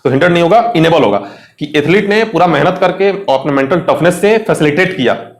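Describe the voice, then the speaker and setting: A man's voice: fairly high pitch, lively intonation, fairly quick, roomy sound. A young man with an Indian accent teaching English vocabulary for an exam, chatty and mixing Hindi with English, often asking his students questions. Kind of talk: exam lesson explaining vocabulary.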